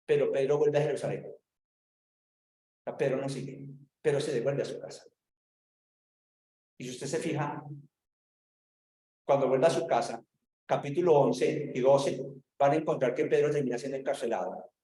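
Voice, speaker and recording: A man's voice: mid-range voice, steady tone, moderate pace, long pauses, warm tone, reverberant, rough recording. A man giving a preaching-style Bible lesson, talking conversationally, repeating phrases and turning to the listeners directly. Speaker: theology teacher.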